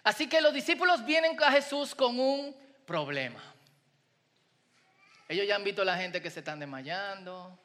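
A man's voice: high-pitched, animated, moderate pace, sharp tone, big-room sound. A man preaching a sermon in a conversational way, asking the congregation questions.

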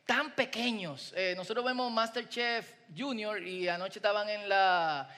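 Guy preaching, high bright voice, chatty, asks the crowd stuff, long echo in the hall. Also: fairly even intonation, normal speed. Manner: conversational, asks the congregation questions. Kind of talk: sermon.

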